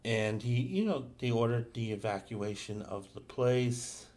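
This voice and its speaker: A middle-aged man recapping a comic book in a casual, halting way, full of fillers and restarts. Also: mid-range voice, lively intonation, darkish tone.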